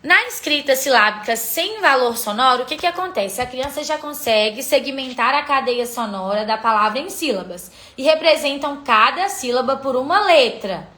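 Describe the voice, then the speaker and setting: A woman teacher with a high, bright voice leads a live-streamed literacy lesson. She explains step by step, keeps pointing her viewers to the examples, and greets them as they join. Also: expressive, moderate pace, hardly any pauses.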